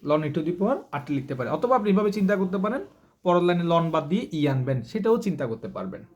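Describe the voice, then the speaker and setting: A man's voice: a little high, big pitch swings, fairly quick. A male math teacher speaking Bangladeshi Bengali, who gives a recorded lecture and keeps asking the class questions and answering them himself.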